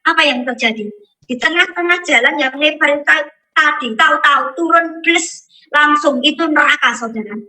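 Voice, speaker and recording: A woman's voice: sits high, sharp tone, low-quality recording. A woman giving a religious testimony to a congregation, telling her story vividly and often turning to address her listeners directly. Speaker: testimony speaker.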